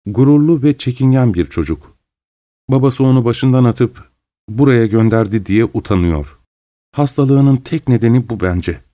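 A man voicing a thoughtful, caring middle-aged woman who speaks in a measured, earnest way. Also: medium pitch, expressive, dark tone, no room sound, clean studio sound, close to an everyday voice. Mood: concerned.

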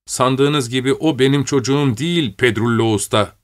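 A man's voice: medium pitch, normal speed, close to an everyday voice. A man voicing a frightened young noblewoman who pleads urgently in a storybook reading. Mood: desperate.

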